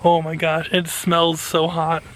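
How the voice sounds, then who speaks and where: A man speaks in a bright, slightly raised voice. He narrates what his hands are doing in a casual, enthusiastic vlog style. There is light noise in the background. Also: on the high side, monotone, unhurried. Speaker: vlogger, home gardener.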